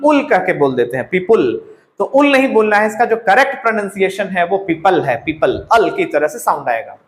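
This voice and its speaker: A man's voice: high-pitched, a bit bright, echoey room, low-quality recording. A man with an Indian accent teaching English grammar, explaining step by step and repeating words and phrases. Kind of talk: classroom-style grammar lesson.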